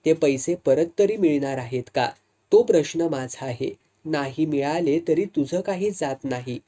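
A woman's voice: sits low, a little slow, mellow. A woman voicing a proud, firm older sister in a read-aloud story. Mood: stern. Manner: firm, stern.

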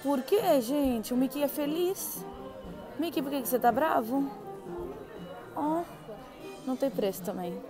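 A woman's voice: sits high, expressive, a little slow, pauses often. Chatty young woman vlogging, music behind. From Brazil. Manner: chatty, gushing, talks to viewers. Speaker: travel vlogger. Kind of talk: casual vlog walkthrough. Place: indoor gift shops at a theme park.

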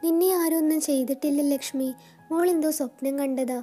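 A woman voicing a tender young husband in a storybook narration, speaking softly and soothingly. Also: sits high, fairly even intonation, fairly quick, faint music behind, natural voice. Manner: soft, soothing and affectionate. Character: tender young man, gentle and teasing husband.

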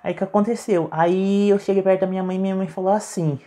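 A man's voice: high-pitched, fairly even intonation, quick pace, mellow. A man in his twenties telling a funny childhood story as a chatty vlogger at home, often laughing and calling out to his viewers. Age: 20s. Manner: chatty, keeps saying "gente", laughs while telling. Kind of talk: casual storytelling to camera. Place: home, with his mother nearby.

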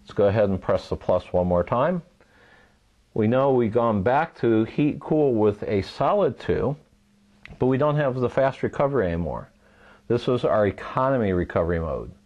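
A man calmly walking through a step-by-step how-to demonstration, patient and methodical, repeating key points. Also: lowish voice, muffled recording. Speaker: home repair instructor.

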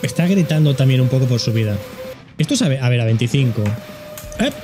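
A man's voice: medium pitch, expressive, fast talker, music in the background. A man with a Spain accent giving casual, jokey reaction commentary with sudden exclamations. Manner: jokey, exclaiming, voicing objects in funny asides. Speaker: reaction video host.

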